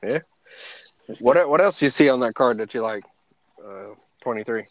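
Young male podcast host, loose and animated, cursing and laughing through fight stories. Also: mid-range voice, moderate pace, no echo. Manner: animated storyteller, swears freely, laughs often. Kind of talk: casual fight chat.

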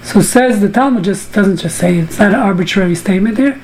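Slight background noise sits under this clip of an American woman teaching Talmud over video, where she jokes around with participants. She speaks at a medium pitch, a touch quickly, with a somewhat mellow tone.

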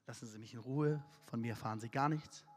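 A preacher voicing a broken older man, hushed, in an echoey hall. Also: mid-range voice, fast talker, voice pushed down, natural voice. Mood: defensive. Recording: echoey hall, faint music.

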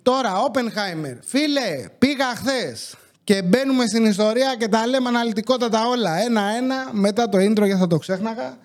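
A young man hosting a casual podcast, telling an animated story and acting out the dialogue. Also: sits high. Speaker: podcast host.

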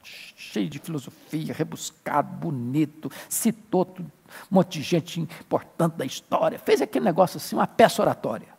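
A male pastor preaching a Bible-study sermon with animated, emphatic bursts. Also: fairly high pitch, moderate pace, creaky, slightly rough, in a large hall. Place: church sanctuary.

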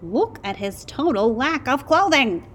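A woman voicing a crowd of disgusted, sarcastic naked mole rats in a storybook reading, shrill and scornful. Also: sing-song, measured pace, a bit bright, exaggerated voice.

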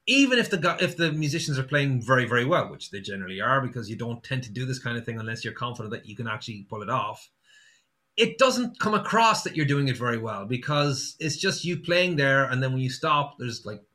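A man with a west of Ireland accent talks in a bright, forward voice at a middling pitch. He is a musician in a casual interview, telling anecdotes in an unpolished, conversational way. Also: expressive, brisk. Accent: west of Ireland, Sligo. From Sligo, west of Ireland.

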